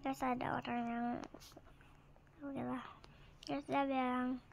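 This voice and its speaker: Female storyteller, high voice, unhurried, halting delivery, faint music under. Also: little pitch movement, creaky. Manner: halting, restarts sentences, acts out the family's lines. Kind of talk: improvised spoken story.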